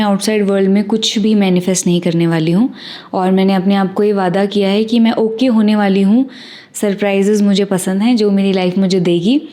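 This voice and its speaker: A woman's voice: mid-range voice, dark tone. A woman with an Indian accent talking to camera in an earnest, thoughtful way, slipping English words into her Hindi. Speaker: self-help vlogger. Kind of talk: reflective casual talk to camera.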